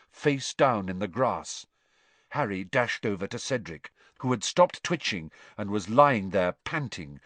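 A man's voice: medium pitch, fairly bright tone, dry recording. A man reading a story aloud as narrator, with dramatic, tense storytelling. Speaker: audiobook narrator. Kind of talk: scripted narration.

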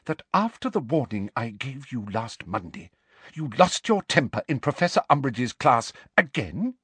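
A man voicing a stern older female professor in an audiobook, with a sharp, clipped, scolding manner. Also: mid-range voice, big pitch swings, normal speed, slightly rough, dry recording, pitched above the performer's own voice. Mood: stern warning. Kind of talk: audiobook character voice.

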